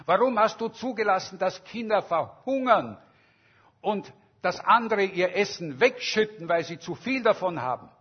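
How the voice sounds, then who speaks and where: Preacher doing an angry strike orator, fiery, accusing, husky, dull lo-fi sound. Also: male voice, sits high, expressive, normal speed, pitched above the performer's own voice. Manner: fiery, accusing, rhetorical questions. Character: angry male strike orator railing at God.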